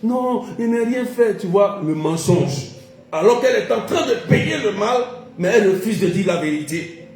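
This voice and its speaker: High-voiced preacher in an echoey room. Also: male voice, expressive, moderate pace, a little mellow, faint music behind. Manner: emphatic, repetitive, asks the congregation questions. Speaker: pastor. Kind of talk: sermon.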